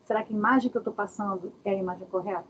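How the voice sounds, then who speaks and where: Mulher de voz bem rouca em palestra online. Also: female voice, mid-range voice, racing. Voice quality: very husky. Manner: animated, asks many rhetorical questions. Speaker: workshop speaker. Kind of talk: online workshop talk. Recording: dull lo-fi video call audio.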